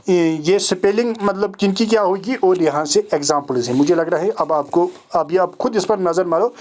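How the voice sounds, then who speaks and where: A man with a rather high voice gives a recorded online lecture on English phonetics. He talks his students through each rule patiently, checks that they are following, and repeats the key points to drive them home. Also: a little mellow. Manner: explains patiently, checking understanding.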